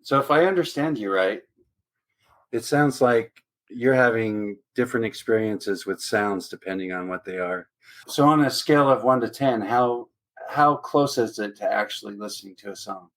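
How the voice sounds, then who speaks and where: Low-voiced man asking questions. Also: normal speed, fairly bright tone. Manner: asks questions and laughs often. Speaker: podcast host. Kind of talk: casual interview questions.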